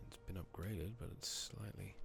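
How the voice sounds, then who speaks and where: This soft-spoken ASMR gaming streamer has a low, gravelly voice with fairly even intonation and a normal speed, whispering as he comments on gameplay. He mutters and swears casually to himself into a noisy, clicking home setup built around a makeshift close microphone.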